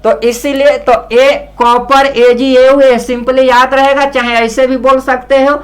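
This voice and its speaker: A woman chemistry teacher explaining in a casual classroom way, repeating memory tricks slowly and chanting them over. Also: high-pitched, little pitch movement. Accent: Hindi-speaking Indian.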